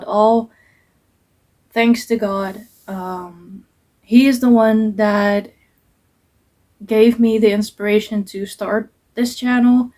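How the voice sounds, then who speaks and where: A young Dutch-speaking woman talks through her book picks in a casual review vlog, earnest and hesitant with lots of ums. Her voice is mid-range and a little mellow.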